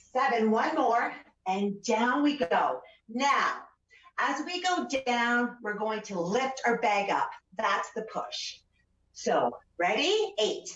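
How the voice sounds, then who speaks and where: A woman leading a home workout as a fitness instructor, counting out repetitions and giving short, encouraging, energetic cues. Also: on the high side. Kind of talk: exercise class instruction with counting aloud. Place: indoors at home, room with a couch. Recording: roomy, distant, dull home-video sound.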